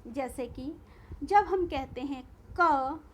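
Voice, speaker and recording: Slow, high-voiced woman teacher. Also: slight background noise. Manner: slow, careful explaining, spelling out sounds one by one. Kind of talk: recorded school lesson.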